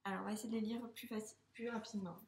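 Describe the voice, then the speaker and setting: A woman teaching first graders to read, speaking slowly and patiently, sounding out syllables and gently encouraging the child. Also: medium pitch, steady tone. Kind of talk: slow, patient reading lesson for young children. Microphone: camera. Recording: echoey room.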